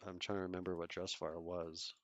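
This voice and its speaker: A man with a Toronto Canadian accent streams a game and answers his chat in a laid-back, chatty way, trailing off mid-sentence. His voice sits low with little pitch movement and moves fairly quickly, on lo-fi audio over a noisy background.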